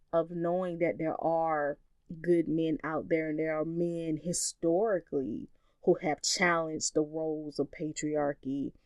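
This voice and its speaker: A woman with a fairly low voice hosts a solo podcast, talking earnestly and with emphasis in a relaxed, conversational way. The sound is dry and close, with no room around it. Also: no echo. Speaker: podcast host.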